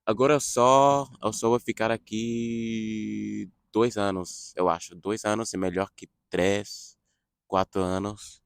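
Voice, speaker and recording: Slow, halting young man, deep voice. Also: fairly even intonation, creaky, smooth. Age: young adult. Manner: halting, many restarts and self-corrections. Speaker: vlogger, language learner. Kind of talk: casual spoken update in a learned language.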